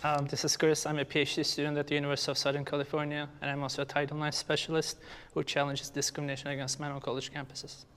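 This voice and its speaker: A man in his thirties, a PhD student, introducing himself in a rapid, precise way. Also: a little high, completely flat delivery, a bit bright, clear, resonant tone. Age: 30s. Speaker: PhD student, men's rights advocate.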